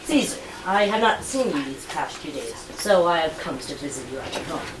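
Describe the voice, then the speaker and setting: A woman playing a flattering Roman senator, coaxing in an amateur stage performance. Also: low voice, moderate pace. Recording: echoey room, distant, loud noise.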